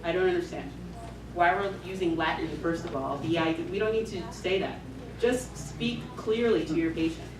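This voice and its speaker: A woman's voice: lowish voice, normal speed. A woman giving an emergency medicine grand rounds lecture, emphatic and checking in with "right?". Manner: emphatic, keeps asking "right?". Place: lecture hall. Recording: echoey hall, mic far off, noisy.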